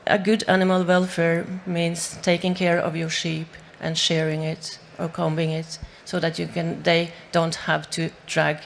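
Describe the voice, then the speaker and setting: A woman's voice: lowish voice, monotone, a little slow, vocal fry, hardly any pauses, slight background noise. A woman from Norway, a native Norwegian speaker, talking on a panel with many fillers and restarts. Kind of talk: panel discussion.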